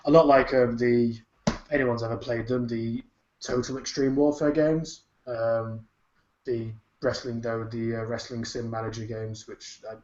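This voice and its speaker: A man co-hosts a podcast in loose, rambling chat, dropping swear words as he goes. His voice sits at an ordinary pitch. The recording is roomy, echoey and somewhat dull. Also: flat delivery, unhurried, darkish tone, a little hiss or hum. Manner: swears freely, rambling with fillers. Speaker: podcast co-host. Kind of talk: casual chat.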